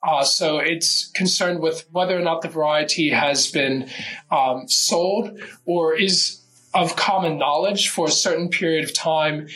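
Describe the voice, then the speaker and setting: A man with a bright, fairly high voice speaks as a podcast guest. He explains things methodically and step by step, often pausing on "uh". Faint music plays behind him. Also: fairly even intonation, poor audio. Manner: measured, methodical, with frequent "uh" fillers. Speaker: guest legal researcher. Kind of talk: explanatory interview answers.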